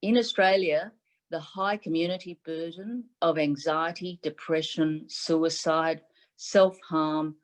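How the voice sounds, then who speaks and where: Her voice is deep with a darkish tone as she reads a prepared symposium address in short, formal, measured phrases. She's a middle-aged woman from Taiwan, a native Mandarin Chinese speaker, serving as chief medical advisor and speaking via video call webcam from a room at home.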